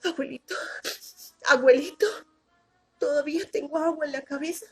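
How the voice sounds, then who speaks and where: A woman voicing a little girl who cries and pleads to her grandfather in a high, tearful voice. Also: moderate pace, close to an everyday voice. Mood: tearful pleading. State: crying.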